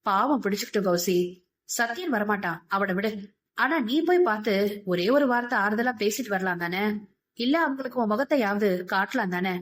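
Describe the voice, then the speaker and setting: A woman voicing a gentle middle-aged husband and father who talks in a soft, coaxing, pleading way. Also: medium pitch, expressive, moderate pace, natural voice.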